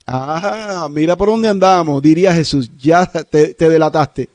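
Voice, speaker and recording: A man voicing an accused man who calmly challenges his accuser with pointed rhetorical questions. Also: on the high side, unhurried, lightly acted. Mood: challenging.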